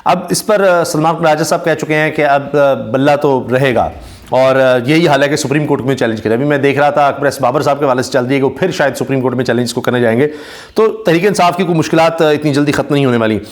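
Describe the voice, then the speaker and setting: A man, giving casual spoken commentary on news clips, talking at length with many drawn-out pauses and fillers. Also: mid-range voice. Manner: talkative, frequent "aa" fillers and pauses. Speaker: YouTube commentator.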